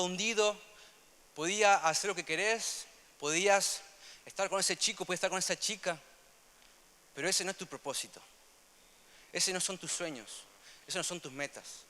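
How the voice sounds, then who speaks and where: Young man, Rioplatense accent, preaching; high, sharp voice with a long reverb tail. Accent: Rioplatense Spanish. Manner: earnest, repetitive, swings between loud emphasis and soft asides. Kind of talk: sermon.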